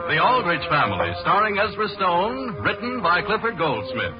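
A man's voice: high voice, wildly swooping pitch, normal speed. Man announcing on an old radio broadcast. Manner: formal, showy announcer delivery. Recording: dull lo-fi old radio recording with music.

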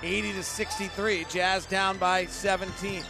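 A man doing live basketball play-by-play, in clipped running descriptions that burst into excited calls. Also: high voice, a little slow, creaky, music in the background. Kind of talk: live game commentary. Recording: noisy arena sound. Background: gym noise, bouncing basketball.

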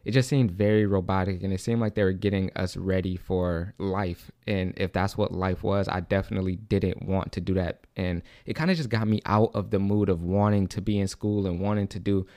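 A man's voice: fairly even intonation, brisk, hardly any pauses, darkish tone, no echo, studio quality. A young man hosting a casual solo podcast, a little out of breath, rambling and restarting his sentences. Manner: rambling, repeats and restarts, says "like" and "low-key". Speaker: podcast host.

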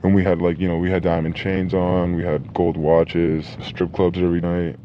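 A former drug dealer, a man whose voice is electronically disguised and shifted low, talks haltingly in a casual interview with many fillers and restarts. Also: flat delivery. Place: inside a moving car. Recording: dull lo-fi sound with faint noise.

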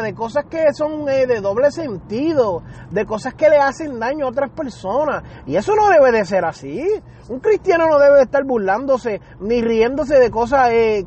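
Earnest high-voiced preacher. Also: male voice, a little mellow, highs cut off, slight background noise. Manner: earnest, repetitive, addresses listener as "amado". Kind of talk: informal sermon.

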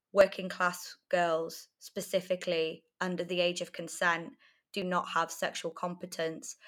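With a fairly low pitch and a slightly bright quality, this woman from North Wales, in her late twenties, speaks as an interview guest who writes articles. Her answers are candid, articulate and emphatic, delivered reflectively and conversationally.

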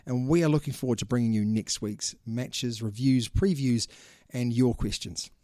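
A man's voice: medium pitch, moderate pace, mellow, no room sound, studio quality. A man with a New Zealand accent hosting a casual sports podcast, chatting in a slangy, teasing way. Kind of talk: casual chat.

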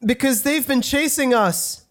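A woman's voice: sits high, measured pace. A woman playing in a tabletop game, playful and giggly. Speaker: player. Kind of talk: tabletop role-play chat.

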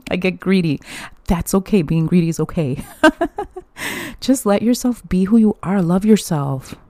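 A woman's voice: mid-range voice, sing-song, unhurried, pauses often, warm tone, no room sound, clean studio sound. A young woman hosting a podcast alone, talking candidly and chattily, swearing freely and laughing often. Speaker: podcast host. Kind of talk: casual solo podcast monologue.

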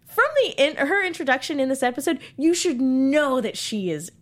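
A woman co-hosting a casual podcast chat about a cartoon, animated and laughing, quoting characters in playful voices. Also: high-pitched, moderate pace. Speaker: podcast co-host.

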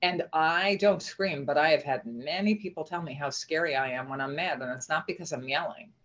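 A woman's voice: low-pitched, brisk, a bit bright. Earnest middle-aged woman on a dull line. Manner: earnest, reflective, many restarts. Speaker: guest. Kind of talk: casual conversational interview. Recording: dull lo-fi remote audio.

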